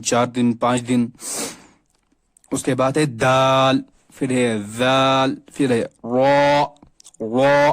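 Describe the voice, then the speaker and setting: A man teaching a Quran reading lesson, slowly drawing out and repeating each letter sound and correcting common mispronunciations. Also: mid-range voice. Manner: corrective, explaining pronunciation.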